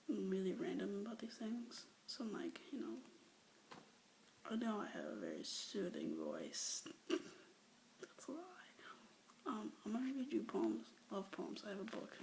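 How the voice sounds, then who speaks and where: In a whispered, ASMR-like poetry reading, a young woman softly and breathily recites love poems close to a phone or webcam mic. Between them she makes hesitant, rambling asides. Her voice is mid-range, and the audio is poor.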